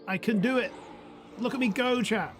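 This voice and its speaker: A man's voice: extremely high pitch, normal speed, faint music behind. A man giving casual, chatty commentary over his gameplay, sleepy and yawning, joking at his own expense as he talks to his chat. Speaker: gaming video creator.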